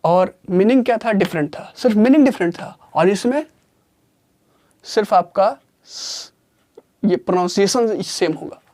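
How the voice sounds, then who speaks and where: A grammar teacher giving a classroom lesson, repeating each point and slowly dictating definitions word by word. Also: medium pitch, animated, darkish tone. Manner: repeats points and asks questions before answering them.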